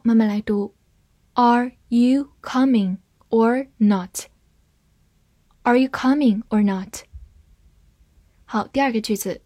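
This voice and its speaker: Slow, clear woman teaching English. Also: a little high, darkish tone, no room sound, studio quality. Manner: clear, slow model reading of example sentences. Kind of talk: scripted vocabulary lesson.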